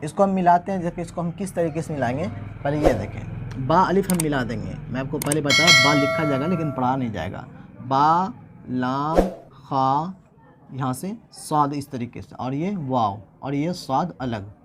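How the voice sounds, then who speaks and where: A man's voice: fairly high pitch, normal speed, noisy background. A man teaching how to write words, spelling them out letter by letter and repeating each word as he goes. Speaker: Urdu writing teacher. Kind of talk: spoken writing lesson.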